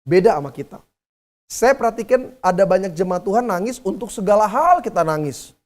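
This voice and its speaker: Female pastor, mid-pitched, for a sermon that mixes scripture with loose, joking everyday asides. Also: very animated, brisk, darkish tone. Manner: chatty and humorous, laughing along with her own examples.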